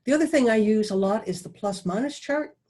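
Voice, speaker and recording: A middle-aged woman giving an online talk as a dowsing presenter, speaking quickly and earnestly with restarts and asides. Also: fairly high pitch, animated, warm tone, husky. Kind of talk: online talk over a video call. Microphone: video call.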